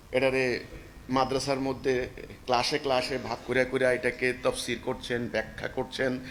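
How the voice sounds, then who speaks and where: Guy preaching a sermon, high sharp voice, lots of rhetorical questions, shouts then goes quiet. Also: slight background noise. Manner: rhetorical questions, swings from low asides to shouted emphasis.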